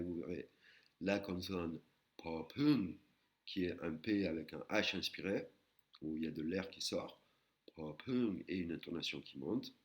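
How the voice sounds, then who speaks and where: A man teaching a recorded language lesson, patiently explaining and sounding out words slowly, syllable by syllable. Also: deep voice. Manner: slow, careful, syllable-by-syllable pronunciation of Thai words.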